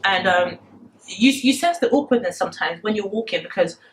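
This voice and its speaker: A woman in her twenties from the DR Congo, a native speaker of Lingala, talks hesitantly and reflectively about her own recollections in a conversational interview. Her medium-pitched voice is animated and brisk, though the audio is poor with slight background noise.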